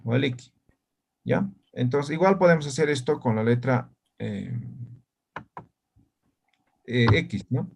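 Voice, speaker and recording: Guy teaching a language class online, takes it slow, keeps asking if you got it. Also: mid-range voice, vocal fry, darkish tone, slight background noise. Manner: explains slowly, often checks understanding with short tag questions.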